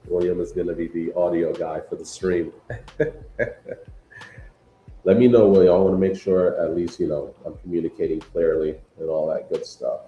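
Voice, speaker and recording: A very low-voiced man hosts a casual livestream, chatting loosely and filling pauses with "um" and "you know." His voice carries a roomy echo. A faint hum of noise sits underneath. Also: muffled recording. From New York. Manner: relaxed, rambling, many fillers, keeps saying "guys". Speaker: livestream host.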